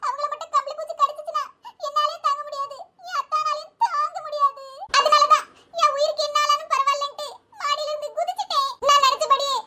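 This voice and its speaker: A woman's voice: very high voice, little pitch movement, fast talker. A woman voicing a sly, fawning young daughter-in-law in a cartoon, pleading tearfully. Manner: wheedling, tearful excuses. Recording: loud background noise.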